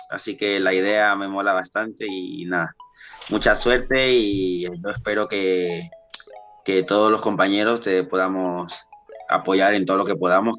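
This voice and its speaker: An Ecuadorian man in his thirties, a dancer, speaks with an Ecuadorian Spanish accent as a guest on a casual podcast interview. His voice is lowish and a bit bright, the audio is dull, and he rambles with many restarts.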